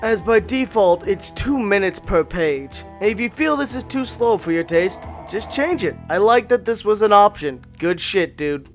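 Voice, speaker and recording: Man, high-pitched, gaming review voice-over, casual, slangy, enthusiastic, faint music behind. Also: lively intonation, normal speed, few pauses. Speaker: gaming YouTuber reviewing mods. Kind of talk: scripted game review voice-over.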